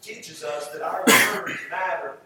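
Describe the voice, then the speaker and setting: In a spacious, echoing hall picked up by a distant mic, a man delivers a sermon with music and heavy background noise around him. His fairly high voice keeps a measured pace as he teaches scripture emphatically, repeating phrases to drive them home.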